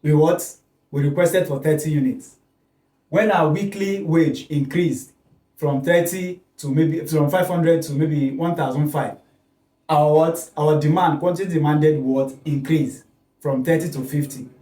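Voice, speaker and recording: A man's voice: on the high side, measured pace, mellow. A man teaches an economics class, often asking questions and answering them himself and checking with "okay?". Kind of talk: classroom lecture at a board. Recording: echoey room, voice heard from a distance.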